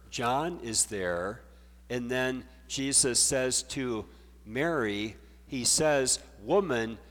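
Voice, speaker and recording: A man preaching a sermon as pastor, reading scripture and explaining it in a measured way. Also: mid-range voice, big-room sound.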